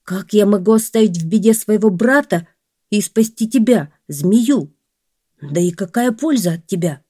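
A woman's voice: medium pitch, normal speed, warm tone, husky, no room sound, studio quality, close to an everyday voice. A woman as a doubtful woodcutter. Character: doubtful, good-humored male woodcutter.

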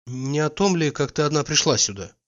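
A man doing a fretful anxious gentleman. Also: a little high, expressive, a little fast, voice pushed up, close to an everyday voice. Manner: worried, impatient. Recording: dull lo-fi recording.

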